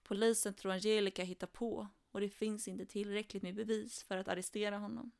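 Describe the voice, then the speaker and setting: Woman narrator for a true crime story, even delivery, some vocal fry. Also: mid-range voice.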